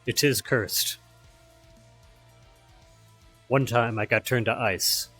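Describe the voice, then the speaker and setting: A player talking through a voice changer in a roleplay, with deadpan, dry humor. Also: medium pitch, a little slow, slightly rough, faint music behind. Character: dragon character. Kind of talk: in-character roleplay chat.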